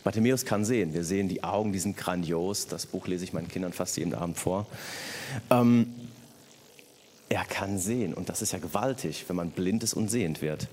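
A man's voice: deep voice, a little fast, darkish tone. A man preaching a sermon, speaking emphatically and addressing the congregation directly with personal stories. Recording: echoey hall with faint noise.

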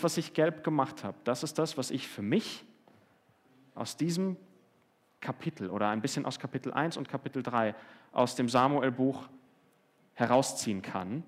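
A man giving an earnest sermon, speaking directly to his listeners with frequent tag questions. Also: medium pitch. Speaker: preacher.

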